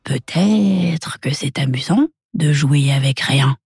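Woman murmuring as a soft, slow, wise imaginary friend. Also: deep voice, slightly rough, dry recording, studio quality, pitched below the performer's own voice, full character voice. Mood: gentle.

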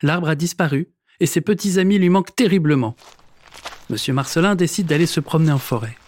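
A man narrating a children's story in a lively, expressive reading with playful sound words. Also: fairly high pitch, a little fast. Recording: background noise.

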